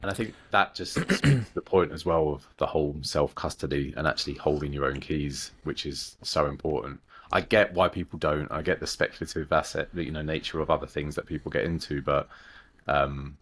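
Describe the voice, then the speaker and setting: A man's voice: extremely low pitch, brisk, fairly bright tone, slightly rough. A man co-hosting a podcast, making earnest points in casual chat. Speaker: podcast co-host.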